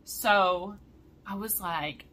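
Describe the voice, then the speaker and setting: A woman, chatting excitedly to her viewers in a cross-stitch vlog and often saying y'all. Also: mid-range voice, very slow, a little hiss or hum. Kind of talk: casual chat to viewers.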